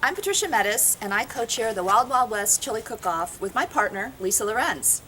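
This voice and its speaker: Upbeat higher-voiced woman announcer. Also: animated, brisk, sharp tone, slight background noise. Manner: upbeat, reads from a script. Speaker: event co-chair. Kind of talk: scripted announcement.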